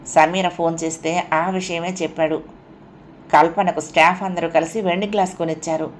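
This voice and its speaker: Low-voiced woman narrating a story. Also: steady tone, moderate pace, a little hiss or hum. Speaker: audiobook narrator. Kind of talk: scripted narration.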